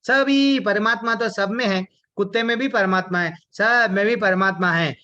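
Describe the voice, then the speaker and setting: Man, scripture class teacher, high bright voice, animated storytelling, muffled lo-fi audio. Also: normal speed. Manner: animated, asks and answers his own questions.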